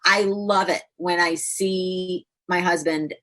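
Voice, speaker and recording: Podcast host, middle-aged woman, lowish voice, chatty and easygoing, laughs often. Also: steady tone, slow, a bit bright. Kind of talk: casual conversational podcast.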